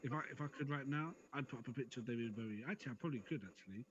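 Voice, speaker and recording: A man's voice: medium pitch, racing. A man co-hosting a casual chat, joking, rambling and swearing freely. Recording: dull lo-fi audio with noise.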